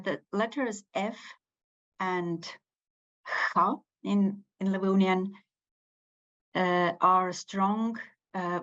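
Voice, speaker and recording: Slow, hesitant Estonian-accented woman teaching. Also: on the low side, dull audio. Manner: hesitant, many fillers and restarts. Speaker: language teacher. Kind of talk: unscripted online lecture.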